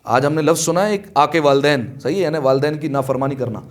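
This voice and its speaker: A man delivering a sermon with impassioned storytelling, raising his voice for quoted lines and asking the listeners questions. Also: on the high side. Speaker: preacher. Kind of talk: Urdu majlis sermon. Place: religious hall.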